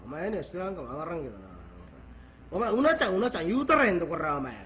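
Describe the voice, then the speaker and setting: A man with a Kansai Japanese accent in a heated argument, speaking in a rough, menacing, confrontational yakuza-like drawl. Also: high voice, big pitch swings, rapid-fire, crowd noise.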